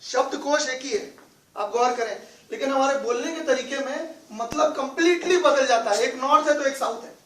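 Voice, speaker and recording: A man's voice: very high-pitched, normal speed, a bit bright. A man giving a business training seminar to a live audience. He mixes English phrases into his talk and keeps checking with the audience through questions. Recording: echoey room, voice from far off.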